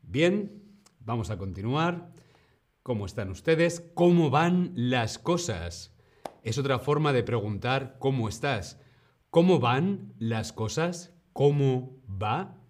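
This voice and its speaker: A man with a Spain accent hosting a live-streamed language lesson, speaking at a slow, unhurried pace in a voice of middling pitch. He opens with lively greetings, then settles into patient explanation, repeating each example. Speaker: Spanish teacher and streamer.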